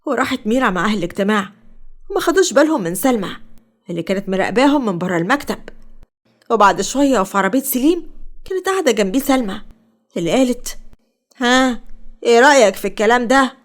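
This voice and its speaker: A woman's voice: on the high side, sing-song, racing. A woman with an Egyptian Arabic accent narrating a dramatic story in the first person.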